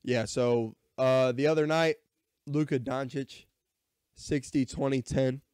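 A man's voice: mid-range voice, steady tone, slow pace, a little mellow, smooth, dry recording, studio quality. A man co-hosting a podcast, talking sports in a rambling way, often restarting and repeating words. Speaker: podcast co-host. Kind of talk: casual sports chat.

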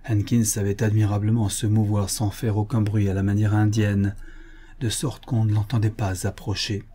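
Low, husky male audiobook narrator. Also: little pitch movement, moderate pace, warm tone. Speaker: audiobook reader.

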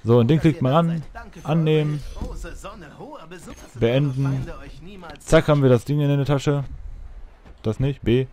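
A man's voice: medium pitch, normal speed, dark tone. A man giving casual gameplay commentary for a video game tutorial, chatty and impatient, with rambling asides. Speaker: let's play tutorial host. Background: faint game music.

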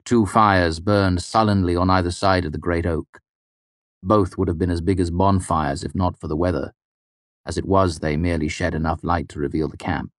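A man narrating a fantasy novel in the first person, with a measured storytelling delivery. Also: low voice, steady tone, no echo, clean studio sound. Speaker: audiobook narrator.

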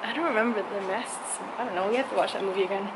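A woman's voice: mid-range voice, very fast. A young woman chatting casually and giggling tiredly into a handheld camera as she vlogs. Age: young adult. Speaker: vlogger. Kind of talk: casual vlog chat. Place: large indoor gym, then outdoor parking lot at night. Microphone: handheld camera at arm's length. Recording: loud background noise on a handheld camera.

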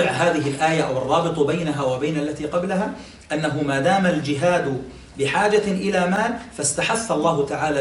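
A man teaching a classroom religious lesson, explaining patiently, quizzing listeners and pausing on fillers. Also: fairly high pitch, a little hiss or hum. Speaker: sheikh teaching Quran exegesis. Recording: echoey room, mic at a distance, faint ambience.

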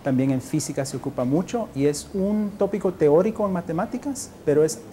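A man in his fifties speaks in a measured, explanatory way, like a professor walking through a subject. His voice is mellow and dark rather than bright. A faint hiss of noise sits under the recording. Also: fairly high pitch, expressive. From El Salvador. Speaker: mathematics professor. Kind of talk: interview. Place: university classroom.

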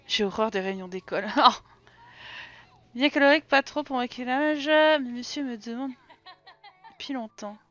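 A woman's voice: fairly high pitch, moderate pace, long pauses, fairly bright tone, lo-fi sound. A young woman casually commenting while she streams a life-sim game, chatty and scolding her game characters in mock outrage.

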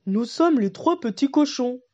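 A woman voicing three plump little pigs who plead in a slow, sing-song way. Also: high-pitched, lively intonation, dark tone, dull audio, pitched above the performer's own voice. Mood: mournful sing-song.

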